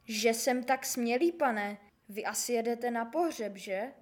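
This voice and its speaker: A woman's voice: fairly high pitch, close to an everyday voice. A woman voicing a kind, chatty middle-aged male postman in a storybook reading, polite and eager, rattling off teasing insults. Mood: polite, curious. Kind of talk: storybook character voice.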